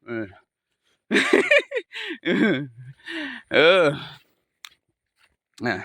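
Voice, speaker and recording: With a Northeastern Thai Isan accent, a monk banters while climbing a hill path outside, teasing, laughing a lot, and telling stories in a playful way. His very high voice swings hugely in pitch, draws out words, and sounds sharp and slightly rough. The capture is clean studio sound without room sound.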